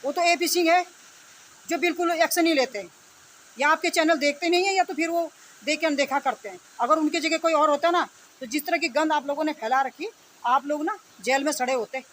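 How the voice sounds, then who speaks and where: A woman's voice: sits high, brisk, low-quality recording. A woman delivering an unscripted, indignant rant, scolding and confronting her opponents with repeated phrases and rhetorical questions. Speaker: online video commentator. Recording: steady background noise.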